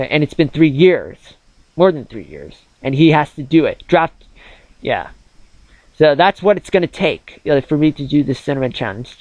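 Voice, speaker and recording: A man's voice: fairly high pitch, darkish tone, no echo, poor audio. A man of twenty-one chatting casually over gameplay as a gaming channel host, rambling with many fillers.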